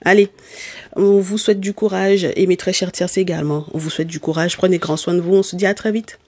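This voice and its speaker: A non-native tarot card reader, not a first-language French speaker, scolds and emphasizes while reading for viewers, speaking to them directly with endearments and frequent "okay?" check-ins. Their voice is mid-range, level, fairly quick, and a little mellow. There's no echo.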